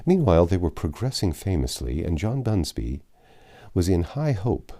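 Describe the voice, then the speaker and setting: Reading a classic adventure novel, this audiobook narrator uses a dark, low voice. His pace is measured yet expressive, the intonation lively, and he draws out words dramatically.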